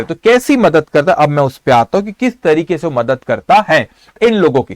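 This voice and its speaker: A male accounting lecturer from India with a high-pitched voice, who explains concepts through repeated phrases and small scenes. The sound is close and dry, with no room echo. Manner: explains through repetition and storytelling, addresses students directly. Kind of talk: classroom lecture.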